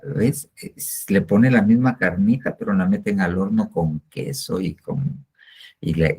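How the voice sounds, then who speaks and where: Slow gravelly older preacher. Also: male voice, on the low side, warm tone. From Guatemala. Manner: rambling and repetitive, with many hesitant "eh" fillers. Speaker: church discipleship teacher. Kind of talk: informal sermon teaching. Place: church class, not seen.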